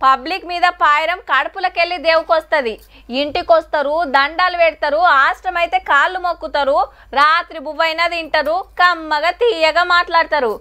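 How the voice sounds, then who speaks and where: Bright, high woman with a wry Telangana lilt. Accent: Telangana Telugu. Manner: wry, sarcastic, colloquial. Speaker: satirical news presenter. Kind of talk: satirical news commentary in dialect.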